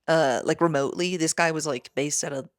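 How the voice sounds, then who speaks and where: A breathless woman rants through a casual comedy podcast, rambling and swearing between gasps. Her voice sits a little low. The sound is dry and close, taken on a handheld mic in a makeshift hotel-room studio. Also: a little fast, no echo. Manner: rambling, profane, ranting with laughs. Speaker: podcast co-host.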